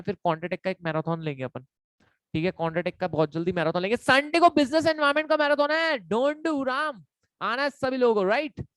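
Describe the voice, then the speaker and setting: A man's voice: sits high, a bit bright, clean tone, no echo. A man teaching an online exam-prep class as a quiz, playful and teasing, repeating each point and mixing in English. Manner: mixes Hindi and English. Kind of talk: live online lecture quiz.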